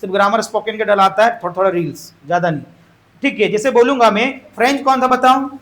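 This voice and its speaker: A man's voice: high voice, fast, a bit bright, slight background noise. A man teaching an English grammar lesson, firing questions at the class and having them repeat the answers. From Jharkhand, India.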